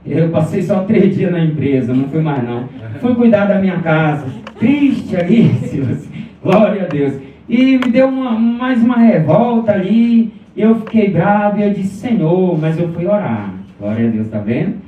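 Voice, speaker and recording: A man with a high voice tells his own story from the pulpit, regularly stopping to give praise. He sounds distant, with heavy echo. The sound is thin and narrow, like a phone line. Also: lively intonation, moderate pace, slight background noise. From Brazil. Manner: storytelling, frequent interjections of praise. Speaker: preacher giving testimony. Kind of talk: sermon testimony. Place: church sanctuary. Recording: far-off echoey hall, phone-like sound.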